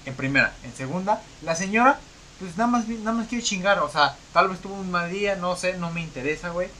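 A man's voice: high voice, fairly quick, pushed and bright, a little hiss or hum. A man with a Mexican Spanish accent hosting a podcast, telling slangy work stories and acting out the people in them. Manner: slangy storytelling, acts out voices in anecdotes. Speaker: podcast host. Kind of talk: casual chat.

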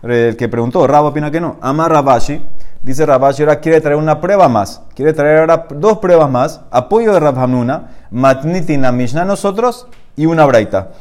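Man explaining a Talmud passage. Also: normal speed. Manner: reads Aramaic text aloud, then explains it in Spanish; emphatic, rising to a louder higher voice when arguing a point. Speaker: Talmud teacher. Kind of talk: Talmud study class.

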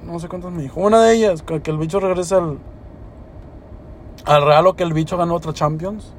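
A man's voice: fairly high pitch, normal speed, slight background noise. A young man hosting a podcast, talking in a rambling, emotional, slangy way. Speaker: podcast host. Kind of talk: casual podcast chat.

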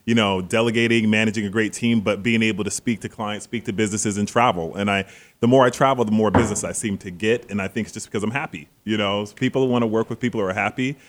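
Laid-back guy from seattle, lowish voice, rambles and laughs easy. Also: fast talker. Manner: relaxed, rambling storyteller, laughs easily. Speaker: guest, social media agency owner. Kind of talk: casual chat.

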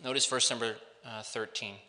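A male pastor preaching earnestly to students, drawing out key phrases slowly for emphasis. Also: mid-range voice, steady tone, sharp tone. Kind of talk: sermon. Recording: long hall reverb.

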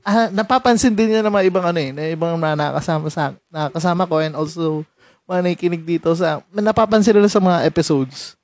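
A man's voice: fairly high pitch, brisk, a little mellow, no echo. Chatty young Filipino man, dry mic. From San Mateo, Rizal, Philippines. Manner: chatty, laughs often, switches between Tagalog and English. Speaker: podcast host. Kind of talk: casual podcast chat.

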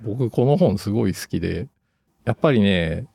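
Low gravelly man with calm podcast replies. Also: no room sound. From Fukuoka, Japan. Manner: calm, measured, brief replies. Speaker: podcast co-host. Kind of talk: casual tech podcast chat.

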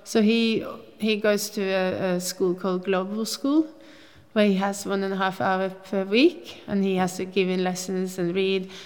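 In a mid-range, darkish voice, a woman from Norway in her fifties speaks a little slowly and flatly. Her accent is Norwegian, and during this informal interview she tells rambling, chatty stories, breaking off to restart and laugh.

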